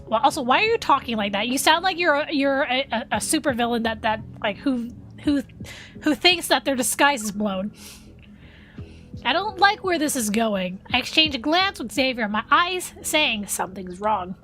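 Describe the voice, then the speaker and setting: A woman streaming a game, reading the story aloud and breaking off into excitable reactions. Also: sits high, moderate pace, faint music behind.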